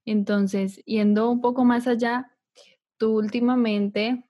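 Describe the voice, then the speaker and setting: A woman hosts a podcast interview, asking measured and thoughtful questions. Her delivery stays flat and even throughout. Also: on the high side. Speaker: podcast host. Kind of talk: interview conversation.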